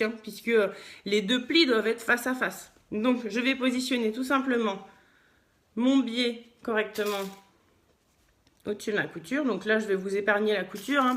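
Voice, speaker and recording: A woman from France leads a casual live sewing lesson at her machine. Her voice sits a little high. She talks in a loose, chatty way, full of fillers, and greets the viewers as she works. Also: fairly bright tone. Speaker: sewing teacher.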